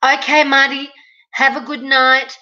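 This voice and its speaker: A woman's voice: sits high, little pitch movement, a little slow, bright, forceful tone, dull audio. A middle-aged Australian woman chatting casually with viewers on a live stream, greeting them by name.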